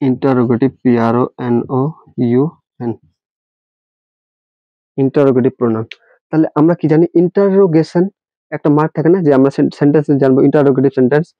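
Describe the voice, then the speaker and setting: A fast-talking man with a mid-range voice pauses often as he teaches English grammar classroom-style, spelling words letter by letter and asking rhetorical questions. There's no room sound, and the lo-fi recording is dry and dull.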